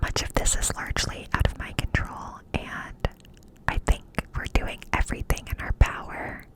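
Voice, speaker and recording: A woman's voice: moderate pace, low-quality recording. A woman whispering breathily and close to the mic in an intimate, confiding ASMR chat, often repeating phrases. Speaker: ASMR creator. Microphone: close mic with cupped whispering.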